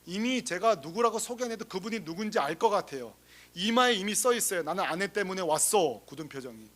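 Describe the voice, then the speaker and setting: A male senior pastor with a notably high-pitched voice delivers a sermon. He tells humorous stories in a lively way, slipping into the voices of the people in them, and keeps turning to the congregation with questions. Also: fast. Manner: lively, humorous storytelling that acts out the people in the story; talks straight to the congregation with rhetorical questions.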